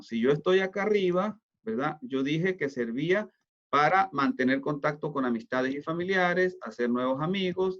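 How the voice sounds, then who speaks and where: A middle-aged man giving an online lecture, explaining step by step and often pausing to ask whether students follow. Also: fairly high pitch, a bit bright. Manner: explanatory, often checks understanding with tag questions. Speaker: teacher. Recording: dull lo-fi online class audio.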